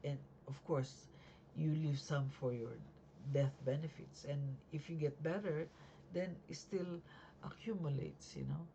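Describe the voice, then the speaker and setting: A life insurance agent still learning the trade explains policies in a casual home video at night. The mid-range voice is raspy, sleepy and dark-toned, and the halting talk is full of fillers and restarts. The audio is dull, with slight background noise.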